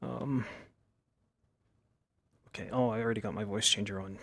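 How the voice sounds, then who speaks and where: A man's voice: lowish voice, fairly even intonation, normal speed, vocal fry, fairly bright tone, dry recording, studio quality. A man in casual game roleplay chat, talking in a hesitant way.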